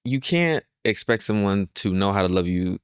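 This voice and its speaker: Hoarse man chatting expressively. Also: lowish voice, normal speed, dry recording, studio quality. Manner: expressive storytelling. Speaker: podcast co-host. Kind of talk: casual chat.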